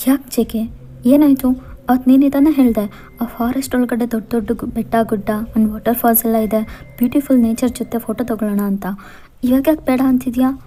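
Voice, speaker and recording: A woman voicing a young fiancée in a Kannada fan-fiction audio story, explaining things in a hushed, earnest way. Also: on the high side, fairly even intonation, fairly quick, close to an everyday voice. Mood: teasing. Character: young woman, dead fiancée, calm and urgent.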